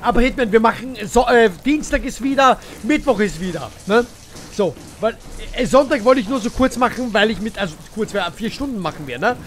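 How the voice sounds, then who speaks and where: High, lively streamer. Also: male voice, a little fast. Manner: chatty, talks to chat and himself, swings from mumbling to loud outbursts. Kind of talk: live gameplay commentary.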